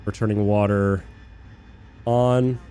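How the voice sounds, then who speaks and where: A young man live-streaming a flight sim, chatting casually and rambling, swearing freely, talking to his chat and bursting into loud incredulous rants. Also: fairly low pitch, fairly even intonation, takes it slowly, clean tone. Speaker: game streamer. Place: living in Australia.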